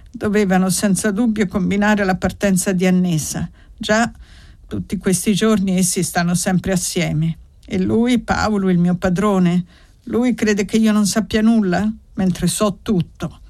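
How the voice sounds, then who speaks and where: A resentful young farmhand in a storybook reading, blunt and insistent, read by a woman in a low voice. He presses his grievance with bitter persistence. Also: steady tone, a little slow, darkish tone. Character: angry young male servant, jealous and blunt.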